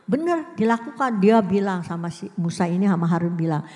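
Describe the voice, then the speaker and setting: A middle-aged woman teaching children a Bible story in a lively storytelling way, acting out the characters' lines. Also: brisk, long reverb tail. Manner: lively storytelling, voicing characters' lines with big pitch swings. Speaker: Sunday school teacher.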